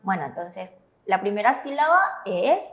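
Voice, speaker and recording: A woman teaching Korean pronunciation in Spanish with a Paraguayan accent, explaining slowly and patiently and checking in with her students. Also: medium pitch, big pitch swings, fairly bright tone, echoey room. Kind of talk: slow, careful classroom explanation.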